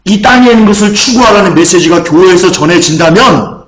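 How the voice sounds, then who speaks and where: A fervent male preacher with a high voice, delivering a sermon in an echoey church hall. He drives his points home through repetition and rises into shouted calls. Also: animated, brisk.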